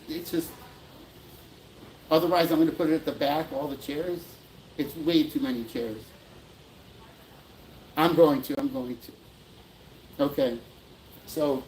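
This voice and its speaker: Broadcasting live from an outdoor memorial, the host addresses viewers with heartfelt, meandering talk and keeps saying sorry. His medium-pitched voice is slightly mellow, though the low-quality recording carries a bit of hiss or hum.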